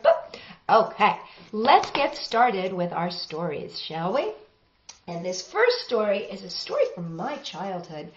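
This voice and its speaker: Her voice on the lower side, a middle-aged woman hosts storytime by reading a picture book with expressive, dramatic flair and addressing the children directly. It was recorded on a sofa in a small room at home, with a roomy, somewhat dull sound.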